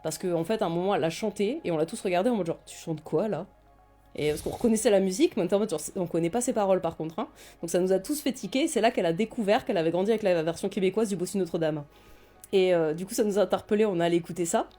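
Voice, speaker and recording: A woman's voice: mid-range voice, racing, warm tone, faint music behind. A woman on a podcast panel, talking in a rambling way with many restarts and fillers. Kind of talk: casual debate chat.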